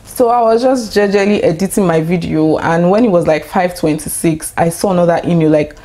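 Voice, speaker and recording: A young woman chatting straight to her viewers in a casual vlog. Her voice sits a little low, and she talks in an excitable, chatty way, full of fillers and quick laughs. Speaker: YouTuber.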